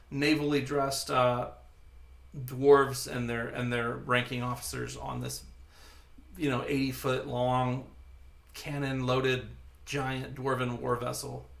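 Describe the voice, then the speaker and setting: A man's voice: medium pitch, creaky, fairly bright tone, roomy sound. A man narrating as game master of a tabletop game in a loose, joking way. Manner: loose, joking, full of fillers and restarts.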